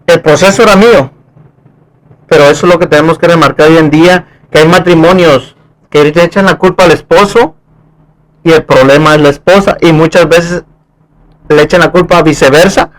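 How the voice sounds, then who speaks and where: A man's voice: a little high, normal speed, poor audio. A man sharing a testimony alongside his wife in an affirming, preacherly way. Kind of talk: conversational testimony.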